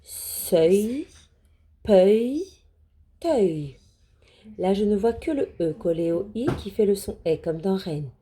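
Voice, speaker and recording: A woman's voice: mid-range voice, warm tone. A woman primary school teacher giving a cheerful reading lesson to young children, sounding out syllables and praising the class. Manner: slow, sing-song teacher talk, sounding out syllables; cheerful, encouraging.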